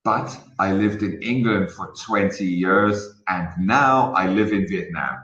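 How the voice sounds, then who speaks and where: A man's voice: sits low, slow, a bit bright. A man from South Africa who teaches English, chatting patiently and courteously on a tutoring call. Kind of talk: casual online tutoring chat. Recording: roomy dull lo-fi call audio.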